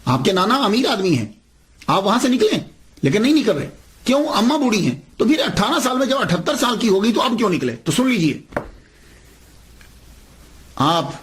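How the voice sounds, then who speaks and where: Animated male preacher telling a saint's story. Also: high-pitched. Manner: animated, acts out dialogue, asks rhetorical questions. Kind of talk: religious storytelling sermon.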